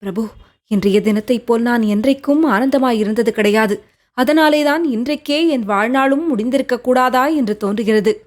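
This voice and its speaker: A woman's voice: a little high, normal speed, natural voice. A woman voicing a lovelorn young woman who speaks of her sorrow in a plaintive, earnest way in an audiobook. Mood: wistful. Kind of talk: audiobook character reading.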